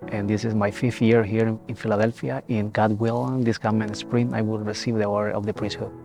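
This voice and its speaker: Young man from El Salvador, gravelly and halting, soft music underneath. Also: on the low side, little pitch movement. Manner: halting, many repeated words and restarts. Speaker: seminarian. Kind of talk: reflective personal testimony.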